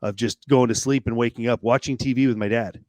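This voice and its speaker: A middle-aged man tells his story as a podcast guest, candid and halting, often restarting a phrase. His voice sits at an ordinary pitch. The sound is dry and close. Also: steady tone, darkish tone, dry recording. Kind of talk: personal storytelling in a podcast interview.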